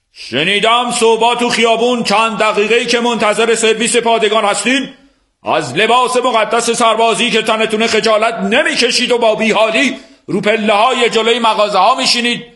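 Guy doing a pompous army colonel barking at soldiers, way up high and bright. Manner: pompous, scolding, loud. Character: stern angry male army colonel lecturing troops. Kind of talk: dramatized book reading.

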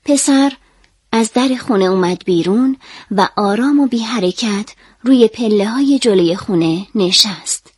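A woman's voice: fairly high pitch, slightly rough, no room sound. Woman reading a children's story. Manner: calm, expressive storytelling.

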